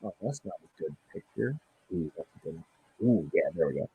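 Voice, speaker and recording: A man in a loose podcast chat, swearing and excitable, his pitch swinging widely. His voice sounds muffled and distant, as if it came through a wall, because he has turned away from the microphone. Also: fairly quick, a little hiss or hum. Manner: swearing, excitable, laughs often. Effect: muffled, distant voice turned away from the mic, as if through a wall. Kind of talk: casual chat.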